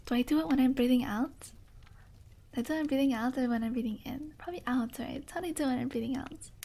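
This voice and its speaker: High-voiced giggly woman streamer. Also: quick pace, warm tone. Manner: giggly, laughs often; apologetic and self-mocking. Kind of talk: casual live-stream chat.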